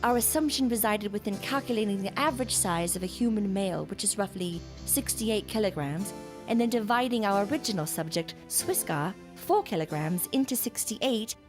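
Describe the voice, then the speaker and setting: Playing a demanding, earnest scientist in a gothic audio drama, this actress delivers her lines formally and precisely, like a lecture. Her mid-range voice is expressive and natural-sounding, moving at normal speed with music underneath. The mood is intent and explanatory.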